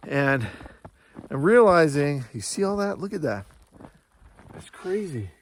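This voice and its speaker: A man's voice: fairly high pitch, sing-song, unhurried. Breathless man vlogging outdoors in snow. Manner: chatty, talks to his dog between remarks. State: out of breath from the cold. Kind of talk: casual vlog chat to camera. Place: outdoors in snowy mountains beside a travel trailer. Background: dog nearby.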